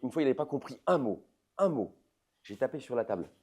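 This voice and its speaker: A man in his forties, a rabbi, giving a lively lecture to an audience, swinging between loud emphatic outbursts and soft intimate asides, often asking the listeners questions. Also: mid-range voice, quick pace, slightly rough. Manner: addresses the audience directly with questions.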